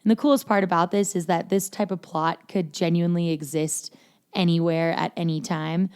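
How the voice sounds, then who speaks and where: A woman talks through a film on her casual review podcast, rambling with plenty of "um" and "anyways". Her voice is smooth and clear, sitting a little low for a woman. She sounds relaxed and a bit self-deprecating. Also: normal speed. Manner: chatty, filler-heavy, self-deprecating. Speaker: podcast host.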